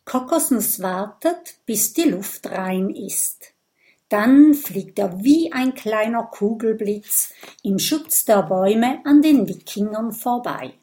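A woman narrating a children's audiobook in a calm, clear storytelling manner. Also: a little high, slow.

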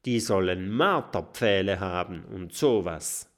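A man's voice: sits low, expressive, unhurried. A man voicing a cautious young female animal friend in a children's audiobook, sounding worried and sensible. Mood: doubtful.

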